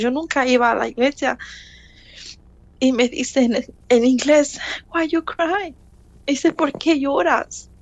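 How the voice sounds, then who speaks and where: A woman's voice: fairly high pitch, no room sound, dull audio. A middle-aged woman giving a personal faith testimony, telling her story earnestly and repeating phrases for emphasis.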